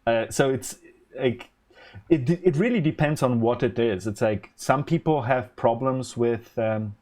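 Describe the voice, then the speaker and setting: Designing electronics on a live stream, a Polish-native man talks casually as he works, wandering through his thoughts with many fillers and restarts. He speaks at a measured pace in a medium-pitched, darkish voice.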